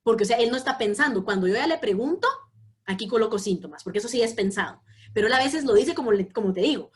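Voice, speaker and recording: A woman's voice: on the high side, lively intonation, fast. Female lecturer running a class, explanatory, stops often to check understanding. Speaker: psychology lecturer.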